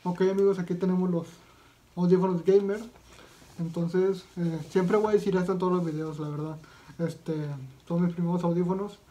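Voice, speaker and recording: A man's voice: high voice, fairly even intonation, moderate pace. A man with a Mexican accent doing casual reaction commentary as a video vlogger, talking in a slangy, profane way with lots of fillers and restarts.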